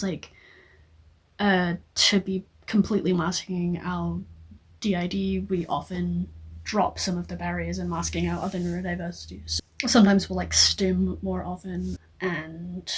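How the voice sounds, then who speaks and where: A woman answering an interview question in a hesitant, thoughtful way, with many pauses and fillers. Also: fairly low pitch, breathy edge. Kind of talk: personal reflection.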